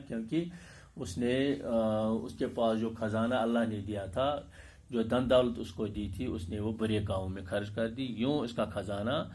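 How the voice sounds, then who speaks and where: A male school teacher giving an Urdu lesson, reading aloud and then explaining new words slowly, stressing correct pronunciation with frequent hesitations. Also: on the low side, a little mellow. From Kashmir. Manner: slow, deliberate, stresses pronunciation, many filler sounds.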